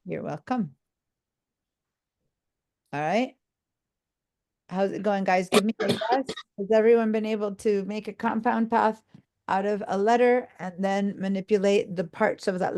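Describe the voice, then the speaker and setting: A sleep-deprived woman teaching a live online design software class, talking in a loose, rambling way with many fillers and restarts. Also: mid-range voice, steady tone, moderate pace.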